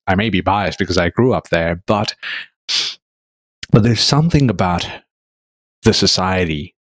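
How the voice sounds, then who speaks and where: A man's voice: deep voice, dry recording, studio quality. A man from Nepal hosting a podcast, chatting in an agreeable way. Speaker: podcast host. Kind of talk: casual conversation.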